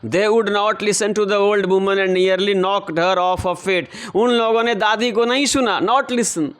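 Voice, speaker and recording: High-voiced teacher explaining. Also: male voice, a bit bright. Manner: reads English lines slowly, then explains and repeats in Hindi. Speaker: English teacher. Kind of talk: classroom explanation.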